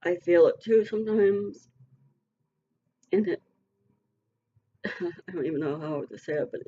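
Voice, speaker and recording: A woman's voice: low-pitched, mellow, highs cut off, a little hiss or hum. A middle-aged woman talking earnestly and emotionally to her online community in a casual, rambling vlog. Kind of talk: casual heartfelt vlog talk.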